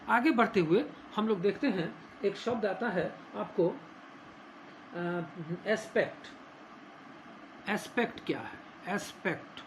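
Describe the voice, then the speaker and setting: Male Indian English tutor, slow deliberate lesson delivery, hesitant, faint background hiss. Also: high-pitched. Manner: slow, hesitant, explanatory, frequent filler pauses. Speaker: English teacher. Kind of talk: classroom grammar lesson, Hindi mixed with English.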